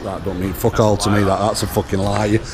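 Gruff northern English gym coach. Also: male voice, on the low side, little pitch movement, fast, crowd noise. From England. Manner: barking short commands and rep counts. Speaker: gym coach filming a workout. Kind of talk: coaching during a workout. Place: large indoor gym. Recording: music playing over the gym.

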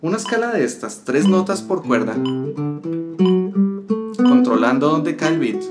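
A man's voice: on the high side, sing-song, measured pace. A man teaching a step-by-step guitar lesson, explaining rhythm and counting syllables aloud. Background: guitar playing.

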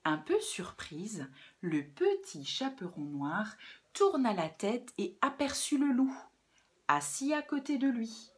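A woman narrating a children's storybook in a high voice and at an unhurried pace. Her reading is expressive and dramatic.

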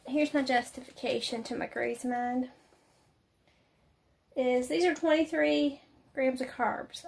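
Her voice sits high, creaky with a breathy edge, as she chats casually to camera on a phone held at arm's length in a home kitchen and parked car. The vlogger is tired and congested, slightly nasal, and rambles through lots of fillers.

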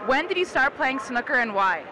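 A woman's voice: high-pitched, very animated, brisk, bright, forceful tone. A young woman interviewing a guest, asking friendly questions with her mic pointed away from her. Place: busy indoor expo hall. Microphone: handheld mic, held away from her. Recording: crowd noise, voice off-mic.

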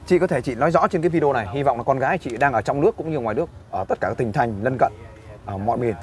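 A man's voice: medium pitch, expressive, rapid-fire, slight background noise. A man from a volunteer search team interviewing a woman outdoors, formal and restating her answers back. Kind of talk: street interview. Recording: distant mic, loud crowd.

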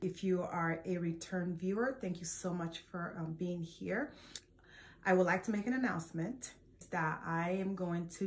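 A woman's voice: fairly low pitch, a little hiss or hum. A woman in her forties hosting a quilting vlog from her sewing room, talking in a chatty, casual way with many fillers and restarts. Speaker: quilting channel host. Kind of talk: casual show-and-tell vlog.

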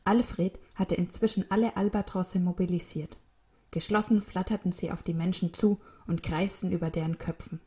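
A woman narrating a short children's story in a calm, even reading manner. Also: fairly low pitch, moderate pace.

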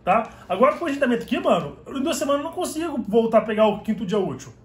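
High-voiced animated Brazilian man vlogging. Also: very fast, echoey room. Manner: animated, gesturing, slangy, repeats "mano". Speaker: delivery rider vlogger. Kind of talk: casual vlog talk to camera. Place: small home room with computer desk. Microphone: phone held at arm's length.

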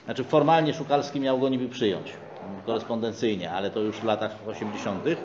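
A middle-aged man in the audience of a small lecture room, asking a question with halting pauses and fillers, picked up by a distant camera. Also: fairly low pitch, a little mellow. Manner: hesitant, many fillers, halting. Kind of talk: question from the floor. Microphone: far camera. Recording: muffled, faint hiss.

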